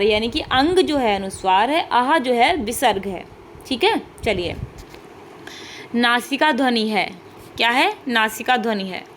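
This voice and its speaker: A woman's voice: a little high, slight background noise. A woman teaching an online class, explaining step by step and repeating key points with frequent checks and rhetorical questions.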